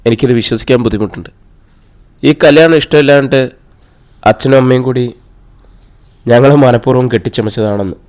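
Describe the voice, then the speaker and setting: A man's voice: medium pitch, fairly quick, long pauses, a little mellow, close to an everyday voice. A man reading the part of a hurt, defiant young woman who answers bitterly and accusingly.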